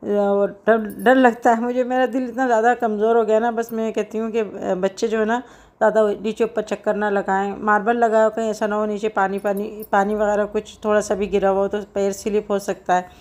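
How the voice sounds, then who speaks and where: A middle-aged woman talks through her home cooking vlog in a chatty, rambling way, full of small fillers. Her pitch stays level and flat. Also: fairly quick. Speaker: cooking vlogger. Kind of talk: casual home vlog chat.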